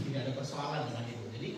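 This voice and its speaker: A man's voice: medium pitch, fast talker. A man preaching a sermon as pastor, speaking conversationally to a congregation. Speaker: pastor preaching at a church service. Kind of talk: sermon with prayer. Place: large echoing room at a church service, some held online too. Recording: echoey hall, distant mic, faint noise.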